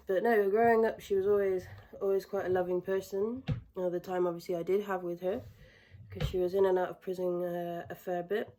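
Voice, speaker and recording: Young northern English woman, lowish mellow voice, candid and reflective, lots of hesitant pauses; personal storytelling to camera. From northern England. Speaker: vlogger.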